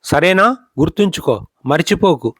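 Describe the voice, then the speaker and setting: A man's voice: on the high side, lively intonation, moderate pace, a bit bright, breathy edge, no echo, studio quality. A man voicing a revered elderly male sage who laughs and gives commands in a storybook reading.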